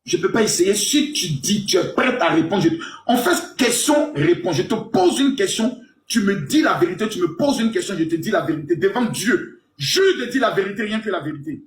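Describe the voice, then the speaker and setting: A man's voice: animated, normal speed, roomy sound, a little hiss or hum. Crude, teasing man in his forties. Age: 40s. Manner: crude, teasing, mock-indignant, swings loud and low. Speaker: live stream host. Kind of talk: provocative live stream banter.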